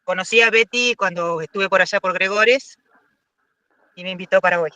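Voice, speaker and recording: A woman's voice: medium pitch, normal speed, sharp tone, dry recording. A woman cheerfully introducing herself and her small home on a video call. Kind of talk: casual self-introduction. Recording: muffled video call audio.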